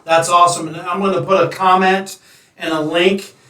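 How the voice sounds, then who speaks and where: A man's voice: high voice, flat delivery, normal speed, bright, forceful tone, echoey room, distant mic. A male host of a casual interview show who talks straight to his viewers in a friendly way. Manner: friendly, direct address to viewers. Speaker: podcast host.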